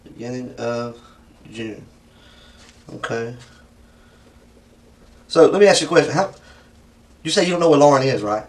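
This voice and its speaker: A man's voice: medium pitch, animated, normal speed, pauses often, distant mic. A man with a Southern US accent questioning someone as a police interrogator, persistent, probing and folksy, often repeating answers back as questions.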